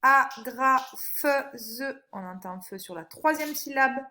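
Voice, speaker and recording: A woman, a primary school teacher, giving a recorded phonics lesson for young children, with slow, clear and encouraging instructions. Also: on the high side, animated, fairly bright tone, a little hiss or hum. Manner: stretches out single words when reading them aloud.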